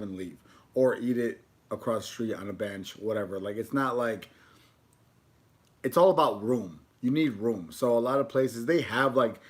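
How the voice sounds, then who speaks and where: A man's voice: mid-range voice, darkish tone. A man chatting informally on a food livestream, rambling along with casual slang. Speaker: food video creator.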